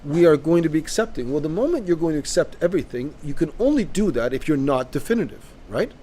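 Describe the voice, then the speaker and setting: A man's voice: on the high side, expressive, quick pace, dark tone, slight background noise. Emphatic man arguing in casual chat. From Canada. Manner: emphatic, interjects with repeated "right?". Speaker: co-host. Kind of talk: casual discussion.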